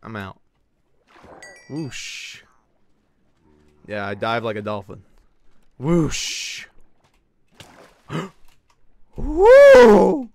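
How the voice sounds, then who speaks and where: A male Twitch streamer giving excitable live gameplay commentary, swearing and yelping as he banters with his chat. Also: on the low side, very slow, pauses often.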